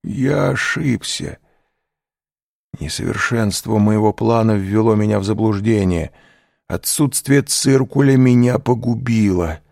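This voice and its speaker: A man reading aloud voices an older male prisoner speaking through a wall, quick and businesslike with his questions. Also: lowish voice, gravelly, a little mellow, no echo, studio quality, voice pushed up. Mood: dismayed. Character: older male prisoner, hidden behind a wall, brisk and probing.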